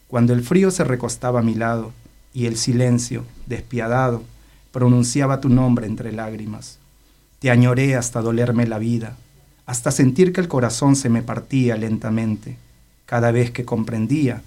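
Brief: male radio guest, hesitant talker who reads poetry, mid-pitched voice. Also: warm tone. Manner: hesitant, fills with "o sea" and "eh". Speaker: guest poet and cultural organizer. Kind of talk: casual interview chat and poetry reading.

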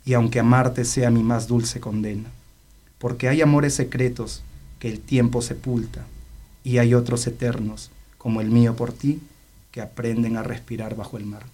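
A man's voice: medium pitch, warm tone. Hesitant male poet on radio. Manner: hesitant, fills with "o sea" and "eh". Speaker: guest poet and cultural organizer. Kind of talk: casual interview chat and poetry reading.

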